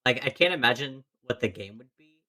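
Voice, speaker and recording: A man's voice: mid-range voice, animated, fairly quick, pushed and bright. A man in a casual chat, musing and trailing off.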